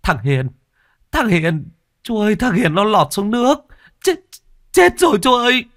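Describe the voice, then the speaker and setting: A man voicing a terrified young fisherman who stammers and yells in frantic bursts, in a storybook reading. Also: sits high, sing-song, fairly quick, pitched above the performer's own voice. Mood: panicked. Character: young male fisherman, panicked and shrieking.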